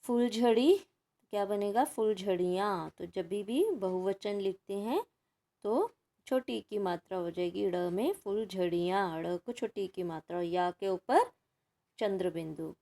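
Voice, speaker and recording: Slow, patient woman teaching Hindi. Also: mid-range voice, animated, warm tone. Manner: patient, explains step by step, frequent "है ना" checks. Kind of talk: workbook lesson walkthrough.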